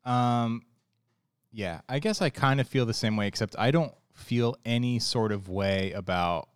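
A man's voice: mid-range voice, measured pace, smooth, dry recording, studio quality. A man in his forties co-hosting a podcast, chatting casually in a musing, somewhat hesitant way and laughing easily. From Ohio. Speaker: podcast co-host. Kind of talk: casual chat.

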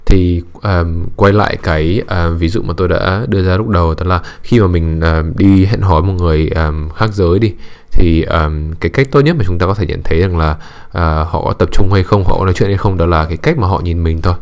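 A man whose voice sits low and smooth gives calm advice about dating and communication at a measured pace, peppering his speech with English words and frequently pausing with hesitant fillers.

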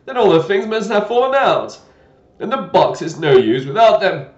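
A man voicing a gentle, fussy old knight who talks loudly and fretfully. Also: fairly high pitch, sing-song, slow pace, pitched above the performer's own voice. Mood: fussy eager. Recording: dull lo-fi roomy recording.

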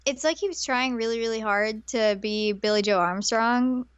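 A woman's voice: a little high, moderate pace, clean tone, no echo, dull audio. Young woman cohost, jokey banter, dry close mic sound, easygoing. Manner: joking, playful banter. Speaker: podcast co-host. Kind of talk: casual podcast chat.

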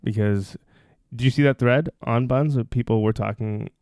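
A man from Toronto hosting a casual podcast chat, relaxed and rambling with fillers. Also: mid-range voice, normal speed, no room sound, studio quality. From Toronto, Canada. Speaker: podcast host.

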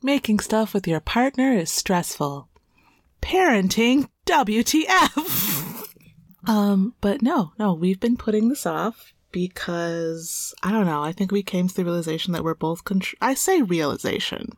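A woman's voice: mid-range voice, expressive, a little slow, no room sound, clean studio sound. Joking woman podcasting from a closet. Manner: laughing, joking, drops into whispers. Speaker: podcast co-host. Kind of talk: casual banter. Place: small clothes closet. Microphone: close podcast microphone.

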